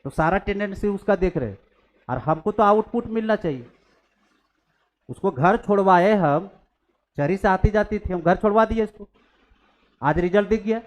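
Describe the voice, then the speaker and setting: A man's voice: high-pitched, lively intonation, normal speed, long pauses. A male maths teacher, scolding his class bluntly and then working through a calculus problem on the board. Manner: scolding, blunt, mixes English maths terms. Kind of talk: classroom lecture, scolding students.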